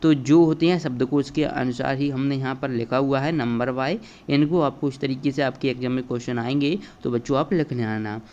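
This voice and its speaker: A man's voice: mid-range voice, steady tone, a little fast, hardly any pauses, darkish tone, muffled recording. A male teacher walking children through an exam paper step by step, checking in often as he explains. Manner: explains step by step, addresses children, repeats "है ना" and "ठीक है". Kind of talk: exam paper walkthrough lesson.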